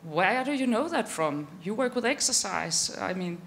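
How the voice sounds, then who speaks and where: A woman's voice: mid-range voice, expressive, moderate pace, creaky, fairly bright tone, a little hiss or hum. A middle-aged woman from Denmark, speaking frankly on a conference panel. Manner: frank, exasperated. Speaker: panelist researcher. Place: conference stage. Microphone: handheld mic.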